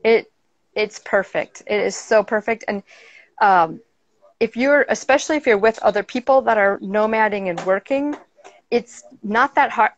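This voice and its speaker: A woman's voice: mid-range voice, normal speed, dry recording. Bubbly Minnesota woman on a video call. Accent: Minnesota American. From Minnesota, USA. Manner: bubbly, laughs often. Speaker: guest. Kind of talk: casual interview chat. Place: on a sailboat. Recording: dry, dull video call audio.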